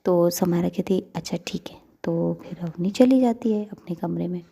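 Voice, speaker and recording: A woman's voice: fairly low pitch, normal speed, vocal fry, warm tone, husky. A young woman narrating a story casually, chatty with many fillers, talking to her listeners.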